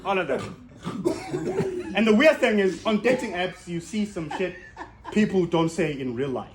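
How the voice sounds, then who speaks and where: A man doing stand-up comedy at a convention stage, teasing the audience in an animated, jokey way. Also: high-pitched, normal speed. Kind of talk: stand-up comedy with crowd work. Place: convention stage with a laughing crowd. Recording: crowd noise, roomy hall.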